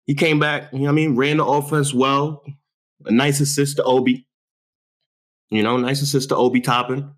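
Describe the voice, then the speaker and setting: A young man from New York talks sports on his own show, boastful and fired up. He leans on street slang, repeats himself for effect and keeps things animated. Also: medium pitch, normal speed. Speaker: show host. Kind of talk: hyped sports talk monologue.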